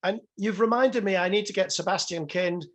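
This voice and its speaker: A man's voice: high voice, fairly quick. A man hosting a podcast interview and its outro, talking conversationally with many ums and uhs. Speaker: podcast host.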